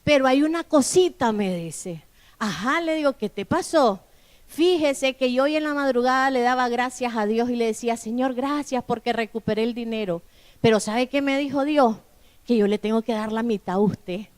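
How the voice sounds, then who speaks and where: High-voiced woman preaching. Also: normal speed. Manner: storytelling with acted-out dialogue. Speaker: pastor. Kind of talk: sermon testimony.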